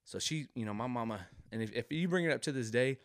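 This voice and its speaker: A man telling a long comic story in an animated, rambling way, full of slangy asides to the listener. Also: mid-range voice, quick pace, dry recording, studio quality. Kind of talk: comedic storytelling monologue.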